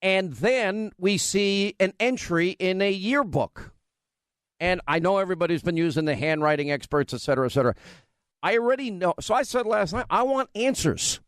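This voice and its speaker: High-voiced New York talk radio man. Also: animated, normal speed, smooth, no echo. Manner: emphatic, conversational, rambling asides. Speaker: radio talk show host. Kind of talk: political talk radio monologue.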